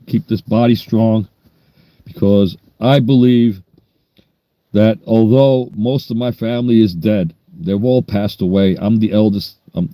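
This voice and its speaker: A man's voice: fairly low pitch, mellow, dry recording. A man, chatting bluntly and rambling on a livestream. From New York. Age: 60s. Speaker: livestream host. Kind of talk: casual livestream chat.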